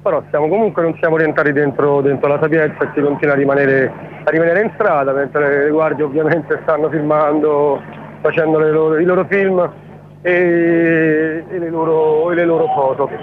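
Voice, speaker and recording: A man reporting live by phone from a street, talking haltingly and repeating words as he goes. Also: on the high side, steady tone. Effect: heard over a phone line. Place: outdoors in a street amid a crowd. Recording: tinny phone line with street noise.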